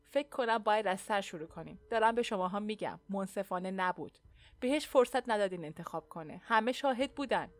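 A woman's voice: on the high side, lively intonation, few pauses, a little mellow, no echo. Storybook village wife, pleading and insistent, as a woman narrator reads her.

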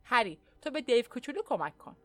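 A woman voicing a stern middle-aged male village official who gives brisk commands. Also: on the high side, sing-song.

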